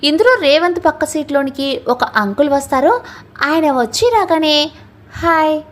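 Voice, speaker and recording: A woman's voice: high-pitched, expressive, moderate pace. A woman narrating a romantic family story and reading every character's lines herself. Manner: reads all characters' dialogue herself, lightly shifting tone. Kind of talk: dramatic story narration in Telugu.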